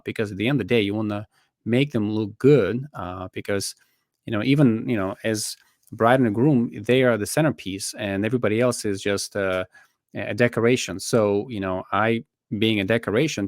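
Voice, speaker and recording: Lowish dry-voiced man explaining earnestly. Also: dry recording. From Latvia. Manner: earnest, measured, explaining with fillers. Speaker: wedding photographer, guest. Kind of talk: casual interview answers. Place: indoor studio room, on a video call.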